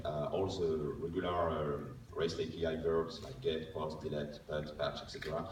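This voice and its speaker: A man who is a non-native English speaker gives an informal technical lightning talk, explaining step by step and often checking in with a short tag question. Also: deep voice. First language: not English. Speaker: conference speaker. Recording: distant mic, echoey room, faint noise.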